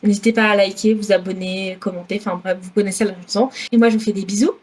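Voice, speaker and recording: A woman's voice: mid-range voice, steady tone, quick pace, darkish tone, slightly rough. A woman in her twenties with a southwest French accent, talking casually in a vlog, chatty with many fillers and self-corrections. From France. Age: 20s. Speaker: student vlogger.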